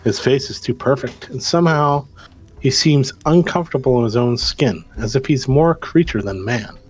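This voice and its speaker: A man's voice: medium pitch, normal speed, husky. A man narrating a tabletop role-playing game as game master, mixing story narration with casual rules talk.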